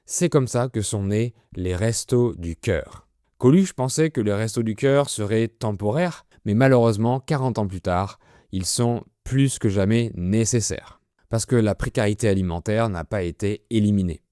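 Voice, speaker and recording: Low, mellow male French teacher, close and dry. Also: moderate pace, smooth, dry recording. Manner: didactic, glosses words simply. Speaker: French teacher presenting a listening lesson. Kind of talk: explanatory narration for language learners.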